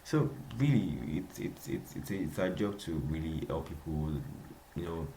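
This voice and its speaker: A man's voice: sits low, lively intonation, a little slow, dark tone, slight background noise. A young Nigerian man with a Nigerian accent, hosting a casual solo podcast, chatty and repeating himself, laughing often. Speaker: podcast host.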